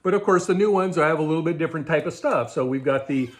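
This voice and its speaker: A middle-aged American man hosts a budget prepping show, reviewing gear informally to camera and explaining things conversationally indoors in a garage or storage room with shelves. His voice is a little high and fast.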